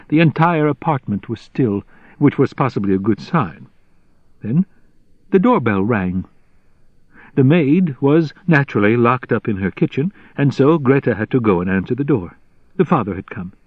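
Male audiobook narrator, deliberate and measured, dry close sound. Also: medium pitch, no echo, dull audio. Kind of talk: scripted literary narration.

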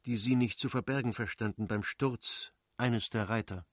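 A man reading the lines of a stiff, formal husband in an audiobook, measured and correct. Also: medium pitch, fairly even intonation, no room sound, close to an everyday voice.

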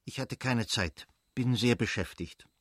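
A man's voice: mid-range voice, a little slow, a bit bright, husky, no room sound, studio quality. A man voicing a cold, stiff middle-aged official who answers curtly and gloomily in an audiobook reading. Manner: curt, gloomy.

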